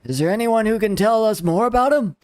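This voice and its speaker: Guy doing a grumpy old man game character, measured old-timer talk, voice pitched way up. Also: expressive, a little mellow, no echo, clean studio sound. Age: older. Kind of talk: reading game dialogue aloud.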